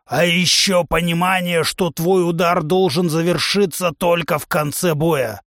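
A man's voice: a little high, fairly even intonation, unhurried, a bit bright, no room sound, studio quality. Male reader playing a blustering beast-man drill instructor for an audiobook, raised voice, barking orders. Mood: lecturing. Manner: bellowing, blustering drill-sergeant delivery. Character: huge hot-tempered male musk-ox humanoid club trainer. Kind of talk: audiobook character voice.

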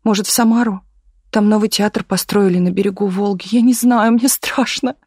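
A reader voicing a frightened, weary young actress who speaks quietly and pleadingly, often close to a whisper. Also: mid-range voice, steady tone, moderate pace, breathy edge, no room sound.

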